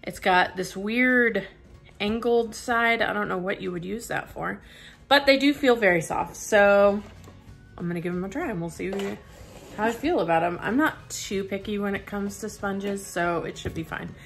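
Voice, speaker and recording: Young woman vlogging a makeup unboxing, easygoing and chatty, medium pitch, faint music behind. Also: moderate pace, gravelly. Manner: chatty, easygoing, muses aloud with fillers. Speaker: beauty vlogger reviewing a subscription box. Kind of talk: casual chat.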